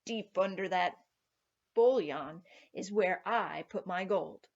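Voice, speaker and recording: A sly little old leprechaun from a storybook, acted out by a woman reader. He talks in a sharp, wheedling way, cross and crafty. The recording is slightly dull. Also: lowish voice, takes it slowly. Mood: conceding. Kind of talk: storybook character voice.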